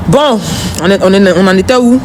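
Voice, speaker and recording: A woman's voice: mid-range voice, brisk, noisy background. A woman with an Ivorian French accent hosting a live stream from home on her phone, scolding her viewers in a combative, repetitive rant. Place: home, early morning.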